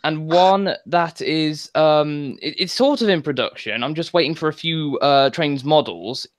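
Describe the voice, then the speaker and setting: A man's voice: on the high side, animated, moderate pace, dry recording, studio quality. A man hosting a casual voice chat, talking hesitantly with many fillers. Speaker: voice chat host, series creator.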